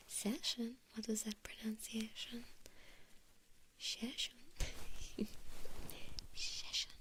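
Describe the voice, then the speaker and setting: A woman's voice: on the high side, slight background noise, low-quality recording. A woman whispering a doting, teasing ASMR roleplay into a close microphone. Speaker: ASMR creator. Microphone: close microphone, mouth near the ears.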